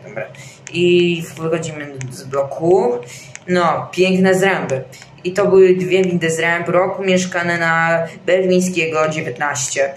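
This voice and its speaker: A man's voice: a little high, a bit bright, slight background noise. Rambling young man narrating gameplay, roomy sound. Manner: chatty, rambling, many fillers and restarts. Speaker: gaming channel host. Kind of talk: casual gameplay commentary. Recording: roomy echo, faint game music behind.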